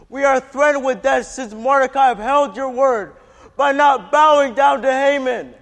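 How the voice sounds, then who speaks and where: A devout man prays in solemn, pleading tones, as a man plays him on stage. He speaks very slowly and very high, with a long hall reverb following each phrase. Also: a bit bright, exaggerated voice. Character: devout man praying in distress. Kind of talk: amateur stage play acting.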